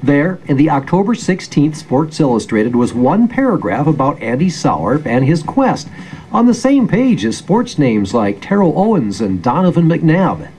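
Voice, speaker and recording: A man's voice: on the high side, very animated, normal speed, a little mellow, poor audio. A man with an American accent narrating a scripted news feature as a public radio reporter, in a storytelling manner.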